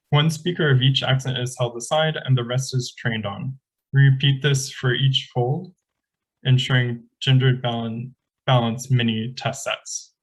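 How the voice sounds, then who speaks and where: A man giving an academic conference presentation, explaining methods in a measured, technical way. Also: medium pitch, husky, low-quality recording.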